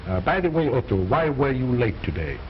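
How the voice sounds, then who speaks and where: A man's voice: medium pitch, big pitch swings, fairly quick, lightly acted. Man as pompous ventriloquist, formal stage patter, exasperated straight man, muffled old film sound, faint noise. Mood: polite.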